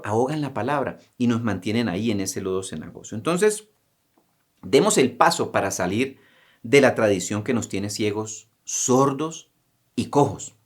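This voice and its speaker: A man preaching a sermon as pastor. He asks rhetorical questions, checks in with short "mm?" and "right?" tags, and breaks into dramatic raised cries when he acts out pleas. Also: medium pitch.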